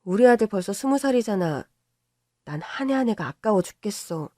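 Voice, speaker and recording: A woman's voice: medium pitch, animated, fairly quick, dark tone, dry recording, clean studio sound, lightly acted. A voice actor playing a loving, stubborn middle-aged mother who plays down her own troubles. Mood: teasing.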